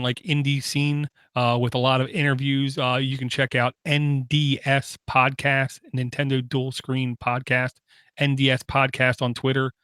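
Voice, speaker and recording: Smooth flat-voiced man hosting a podcast. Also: mid-range voice, no room sound, clean studio sound. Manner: steady, many "uh" fillers, reads out contact details. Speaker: podcast host. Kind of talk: casual sign-off chat.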